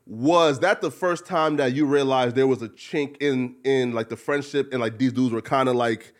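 A man's voice: mid-range voice, normal speed. A man interviewing in a casual, slangy, hyped-up bro style, peppering his talk with bro, like and right. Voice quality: slang-heavy speech.

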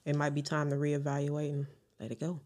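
Calm woman giving measured advice. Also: sits low. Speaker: podcast guest, best friend of the host. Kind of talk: casual podcast chat.

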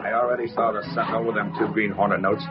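Man as a low-voiced, tough racketeer boss. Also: steady tone, over loud music, natural voice. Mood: menacing. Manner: deliberate, tough gangster talk. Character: slow, menacing male racketeer boss. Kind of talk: 1940s radio acting. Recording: muffled old radio recording.

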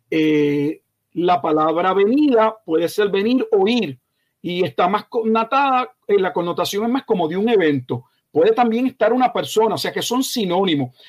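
High-voiced emphatic pastor explaining scripture. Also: male voice. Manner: emphatic, corrective, measured explanation; slow, deliberate delivery with frequent hesitations. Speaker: pastor, guest expert. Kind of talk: teaching interview answer.

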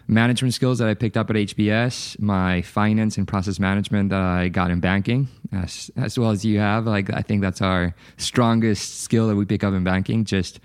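A man in his thirties from Chile, a podcast guest telling his career story in a relaxed, fluent way. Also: deep voice, clean tone, no echo, studio quality. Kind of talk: conversational interview.

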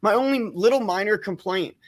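A man's voice: high-pitched, brisk, no room sound. A man casually recommending a book, pedantic about word forms.

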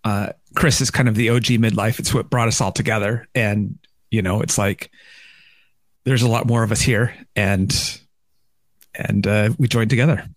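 A man's voice: fairly low pitch, fairly even intonation, moderate pace, no echo. A man speaking as a new podcast co-host in casual chat, easygoing and a little hesitant.

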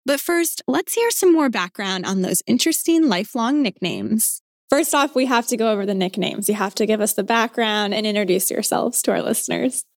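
Upbeat woman hosting, bright voice. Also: on the high side, lively intonation, brisk, no echo, studio quality. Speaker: podcast host. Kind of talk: scripted narration and interview.

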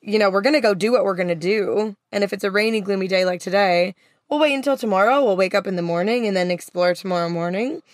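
A woman's voice: medium pitch, quick pace, dry recording. Casual woman podcaster, close dry sound. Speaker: podcast co-host. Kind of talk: casual conversational podcast chat. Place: inside a parked van.

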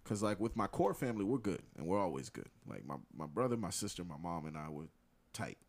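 A young man in casual chat who talks in a measured, thoughtful way. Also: low voice, big pitch swings.

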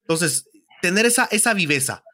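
A man's voice: high-pitched, expressive, moderate pace, bright, forceful tone. A man with a Guatemalan accent co-hosting a football podcast, chatting with enthusiasm and frequent laughter. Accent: Guatemalan Spanish. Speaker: podcast co-host. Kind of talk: casual football chat.

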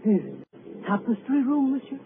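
High timid maid, played by a woman, hissy old radio sound. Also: moderate pace, close to an everyday voice. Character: nervous middle-aged French housekeeper. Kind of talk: 1940s radio acting. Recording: noisy tinny old radio broadcast.

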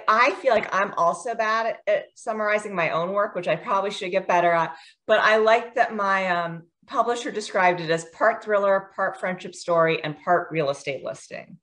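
Speaking at medium pitch with a slightly bright tone, this woman from the United States is a guest author in her forties. She keeps the casual interview chatty and self-deprecating, saying "um" often.

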